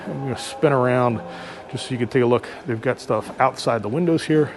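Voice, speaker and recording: A man with an average-pitched voice gives an informal walk-through commentary. He speaks haltingly, working out what to say as he looks around. Faint everyday background noise sits behind his voice. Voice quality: talking through a face mask indoors. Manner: halting, thinking aloud while looking around. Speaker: car vlogger giving a dealership walk-through. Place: car dealership, showroom then outdoor lot. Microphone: microphone with a furry windscreen. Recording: handheld vlog with background ambient noise.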